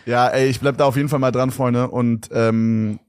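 A man's voice: medium pitch, fairly even intonation, normal speed, a little mellow, clear, resonant tone, no room sound, clean studio sound. A young man co-hosting a podcast, joking around in slangy casual chat. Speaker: podcast co-host.

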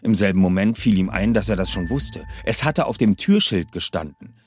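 A man's voice: on the low side, expressive, moderate pace, a little mellow, faint music behind. A man in his thirties reading a suspense novel aloud in a dramatic way. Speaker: reader.

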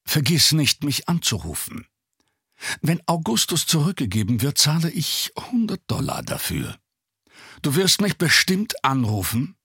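A man voicing a cold, sinister gentleman with a cane in an audiobook reading, talking in an icy, clipped, commanding way. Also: on the high side, wildly swooping pitch, measured pace, gravelly, breathy edge, no echo, studio quality, voice pushed up, full character voice.

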